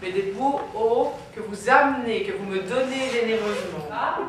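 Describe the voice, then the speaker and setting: A woman's voice: fairly high pitch, normal speed. A woman teaching a group singing lesson, coaching directly and breaking into sung vowel demonstrations. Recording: very echoey room, distant mic, faint noise.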